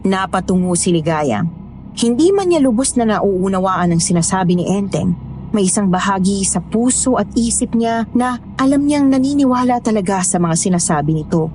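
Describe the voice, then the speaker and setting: Woman reading a spooky story out, even and measured, mid voice. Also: medium pitch, soft background music. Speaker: narrator. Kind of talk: scripted horror story narration.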